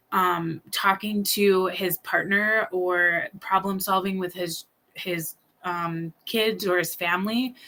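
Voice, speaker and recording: A woman's voice: medium pitch, pushed and bright. A woman in her thirties talking casually as a parenting coach, earnest and thinking aloud, with many fillers, restarts and a repeated "right?". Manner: keeps asking "right?". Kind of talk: casual teaching talk.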